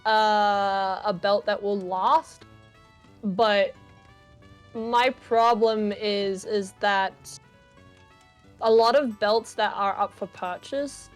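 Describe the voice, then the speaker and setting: A woman's voice: mid-range voice, steady tone, extremely slow, long pauses, clean tone, faint music behind. A woman hosting a livestream, chatting casually and upbeat while she draws, laughing often. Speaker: livestream host. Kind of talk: casual chat while drawing.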